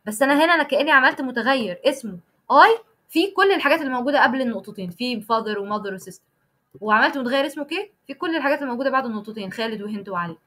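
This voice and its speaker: A young Egyptian woman runs an online coding lesson, her voice set a little high and her words coming quickly. She breaks off and restarts phrases as she works through the code, pausing often to ask whether everyone has it. It sounds like a plain computer mic on a video call. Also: expressive, fairly bright tone. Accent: Egyptian Arabic. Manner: explains step by step, checks in with students often; frequent restarts and self-corrections while typing code. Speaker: programming instructor.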